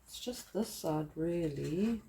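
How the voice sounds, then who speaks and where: Young woman crafting at her desk, slow chatty rambling, warm soft voice. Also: lowish voice, animated, creaky, slight background noise. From South Africa. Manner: chatty, rambling, self-deprecating. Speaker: craft vlogger. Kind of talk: casual crafting tutorial chat.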